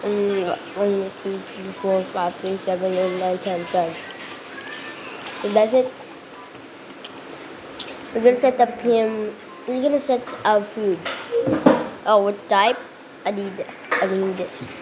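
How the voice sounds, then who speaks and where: A woman casually commenting on a cooking game as she plays, thinking aloud in halting bits. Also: medium pitch, steady tone, noisy background. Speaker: gameplay commentator.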